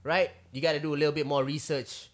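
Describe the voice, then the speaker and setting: A man's voice: on the high side, little pitch movement, fast talker. A man in his thirties with a Singaporean accent, chatting casually and jokingly in colloquial Singlish as a podcast host. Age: 30s. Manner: colloquial Singlish with particles like lah and ah.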